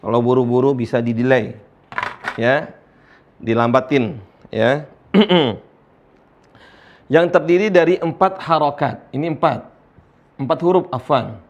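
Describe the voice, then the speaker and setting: A man teaching Quran recitation to young learners, patiently explaining letter lengths and chanting the letters slowly for students to repeat. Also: mid-range voice, darkish tone, highs cut off.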